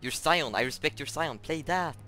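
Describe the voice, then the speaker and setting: A man's voice: a little high, animated, normal speed, sharp tone. A male game streamer talking drily at a teammate while he plays, with music behind him. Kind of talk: gaming livestream talk.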